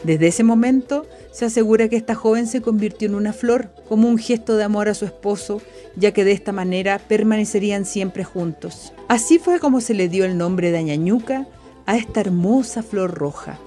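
A woman narrating a legend for children in a gentle, unhurried way. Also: medium pitch, faint music behind. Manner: slow, gentle storytelling. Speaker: school radio presenter.

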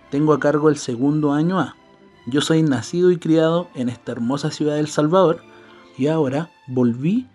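A man in his thirties with a Chilean accent, a schoolteacher fondly recalling his school days in a recorded testimonial. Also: on the high side. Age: 30s. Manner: warm, fond reminiscing.

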